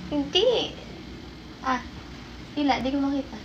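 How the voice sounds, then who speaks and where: Woman livestream host from the Philippines, teasing, laughs a lot, high pitch, faint background hiss. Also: expressive, measured pace, highs cut off. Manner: playful and teasing, laughs often. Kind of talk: casual livestream chat. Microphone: phone mic.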